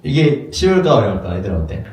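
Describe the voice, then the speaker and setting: A man preaching a sermon as a pastor, lively and acting out little dialogues in playful voices. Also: lowish voice, fast, a crowd in the background. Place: church hall. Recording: echoey room from far off.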